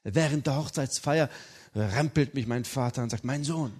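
A man preaching his personal testimony to a congregation, telling the story in a lively way and checking in with the listeners. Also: medium pitch, moderate pace. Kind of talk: sermon testimony.

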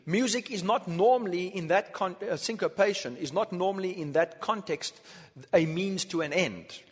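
Male lecturer, husky and a bit high, halting phrases for an interpreter; long hall echo. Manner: speaks in short phrases, pausing for translation, counts beats aloud. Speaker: lecturer on music. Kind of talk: lecture given through an interpreter.

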